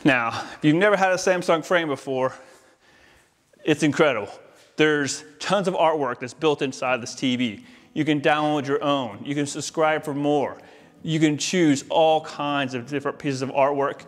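Pitched fairly high, his voice stays steady and moves at a moderate pace. He's a home audio-video installer, an American man in his forties, showing viewers around a large, mostly empty house with an upbeat, informal walk-through on camera.

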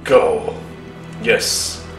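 A man giving casual let's-play commentary, excitable and thinking aloud as he repeats himself. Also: extremely slow, over music. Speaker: gaming commentator. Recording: roomy echo.

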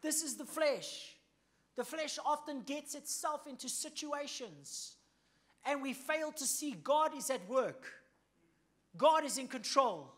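A pastor from South Africa preaching a sermon in a punchy, emphatic way, swinging between loud bursts and hushed asides and often checking in with "okay?" and "right?". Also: male voice, extremely high pitch, expressive, takes it slowly.

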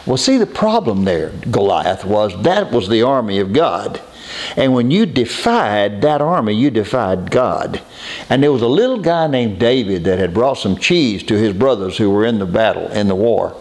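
A man's voice: fairly low pitch, very animated, moderate pace, few pauses. A man hosting a short devotional message, earnest and plain-spoken, repeating his points.

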